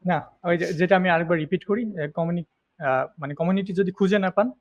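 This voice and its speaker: A man's voice: high-pitched, fairly quick. A man hosting a casual interview, talking in a hesitant way with many fillers. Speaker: podcast host. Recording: dull lo-fi sound.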